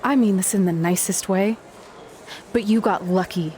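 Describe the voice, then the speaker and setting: A woman's voice: medium pitch, normal speed, dark tone, slight background noise, lightly acted. An actress playing a blunt, sarcastic young female wrestler in a video game, dry and matter-of-fact.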